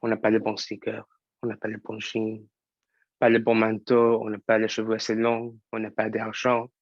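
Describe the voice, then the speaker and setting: A man's voice: lowish voice, completely flat delivery, moderate pace, dry recording, dull audio, lightly acted. A young man, a student actor, performing an impassioned theatre monologue as an angry young actor who fights prejudice. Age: young adult.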